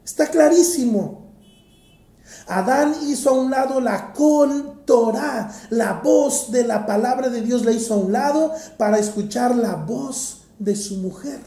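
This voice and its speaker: A woman preaching a sermon in an emphatic, deliberate way, repeating phrases for effect. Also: on the high side, mellow. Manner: emphatic, deliberate, rhetorical repetition. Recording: echoey room.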